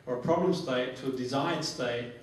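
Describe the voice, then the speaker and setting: In an echoey room full of trainees, a phobia therapy trainer walks through a guided relaxation demo, repeating his instructions. His voice is mid-range and his pace normal. A distant mic picks him up with lots of echo and slight noise.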